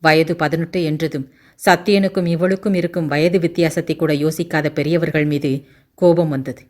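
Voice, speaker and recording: A woman's voice: low-pitched, steady tone, moderate pace, darkish tone. Woman narrating a Tamil novel. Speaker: audiobook narrator.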